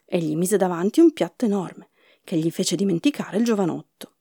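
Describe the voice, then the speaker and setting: A woman reads a fairy tale aloud, her pitch rising and falling with the drama of the story. Her voice is mellow and slightly husky, and the recording is dry and close. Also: a little fast, no echo. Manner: expressive storybook narration.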